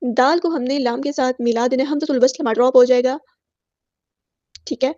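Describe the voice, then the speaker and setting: Woman, tajweed teacher, patient, step by step, warm low-brightness tone, dry muffled sound. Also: fairly even intonation, no echo. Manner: patient, explains each rule step by step; drawn-out melodic recitation of verses. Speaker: Quran recitation teacher. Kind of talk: tajweed lesson with slow recitation.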